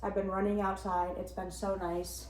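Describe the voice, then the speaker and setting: A woman's voice: medium pitch, little pitch movement, normal speed, echoey room, low-quality recording. A young woman from the Upper Midwest chatting casually in a vlog, rambling and upbeat, chewing gum as she talks. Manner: chewing gum while talking. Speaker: running vlogger.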